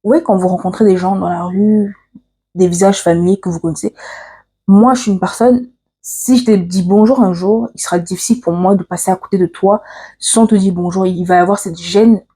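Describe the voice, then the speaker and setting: A woman with an African French accent recounts a personal story to her viewers in an earnest, confiding way. Her voice is mellow and a little breathy. She hesitates often, filling pauses and restarting her sentences as she talks. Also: medium pitch, steady tone. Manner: hesitant, frequent "euh" fillers and restarts. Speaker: vlogger.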